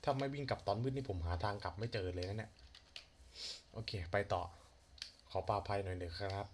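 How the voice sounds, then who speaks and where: A young man narrates his gameplay in a loose, chatty way, muttering to himself and blurting out quick exclamations. His voice sits fairly low. A faint computer fan hum and the clicking of a keyboard run underneath. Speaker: gaming channel host. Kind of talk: casual let's-play commentary.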